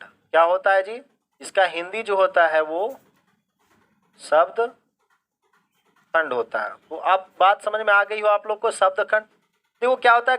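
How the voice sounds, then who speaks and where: Male teacher running a live online class, bright forceful tone, poses questions then answers them. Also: high-pitched. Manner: keeps checking if students understand; mixes English phrases into Hindi explanation. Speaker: English grammar teacher.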